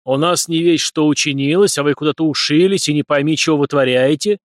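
A man voicing a stern old village priest who scolds slowly and loudly in a churchly way. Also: dry recording, clean studio sound, close to an everyday voice. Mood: scolding. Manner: booming, slow, churchly scolding.

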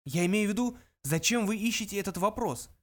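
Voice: mid-range voice, expressive, brisk, voice pushed up, natural voice. A reader playing a bewildered ordinary man, thrown by everything around him. He blurts and stammers in confusion, voiced above the narration. Audiobook character. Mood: puzzled. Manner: flustered, confused.

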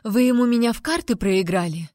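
A woman voicing an indignant, sharp-tongued young noblewoman, exclaiming sharply in a raised, louder voice, recorded dry. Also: fairly high pitch, fairly quick, dry recording, close to an everyday voice.

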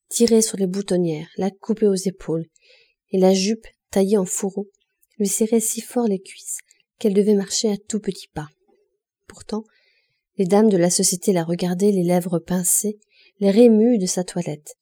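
A woman reading a classic novel aloud as an audiobook narrator, steady and measured. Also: mid-range voice, slightly rough.

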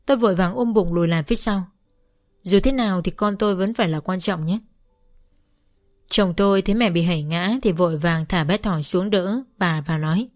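Woman reading a family drama story out loud, steady and even. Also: fairly low pitch. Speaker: narrator. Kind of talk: first-person storybook narration.

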